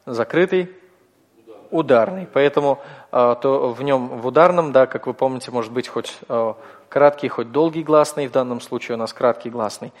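A man's voice: medium pitch, normal speed. Patient male teacher in a reverberant hall. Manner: patient, explanatory, with frequent fillers. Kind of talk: classroom lecture.

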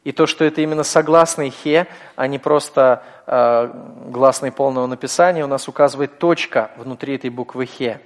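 A man's voice: mid-range voice, moderate pace, hardly any pauses, in a large hall. A man teaching a class, explaining step by step in a patient manner with frequent hesitations. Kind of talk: classroom lecture.

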